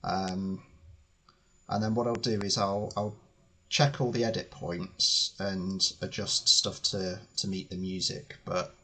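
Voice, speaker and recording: A man streaming live as he edits his video, thinking aloud with fillers and restarts, his voice slightly hoarse. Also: sits low, fairly even intonation, slow pace, bright, forceful tone. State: slightly hoarse, clearing throat. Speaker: channel host editing video. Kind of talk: casual live-stream commentary.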